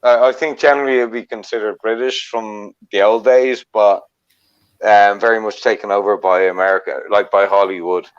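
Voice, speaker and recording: A man co-hosting a casual call-in chat, rambling with halting restarts. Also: fairly low pitch, steady tone, clean tone, dry recording, highs cut off. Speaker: podcast co-host.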